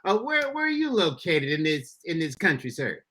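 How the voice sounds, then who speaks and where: Male pastor-host, high bright voice, upbeat and folksy with listeners. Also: very animated, moderate pace. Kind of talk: casual podcast chat. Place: Florida.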